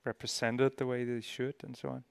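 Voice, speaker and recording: Gravelly, even-toned male panelist. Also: medium pitch, brisk. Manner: hesitant, repeats words while thinking. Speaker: panelist, app builder. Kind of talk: panel discussion.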